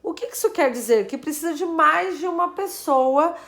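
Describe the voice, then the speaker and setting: A woman's voice: high-pitched, expressive, normal speed, a bit bright. A woman teacher talking casually to her students, thinking aloud and counting syllables and letters as she works through math puzzles. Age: adult. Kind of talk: casual video lesson explaining math puzzles.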